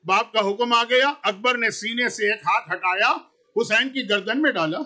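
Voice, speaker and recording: A man's voice: high-pitched, pushed and bright. A male preacher telling a mourning sermon in emotional, dramatic short phrases.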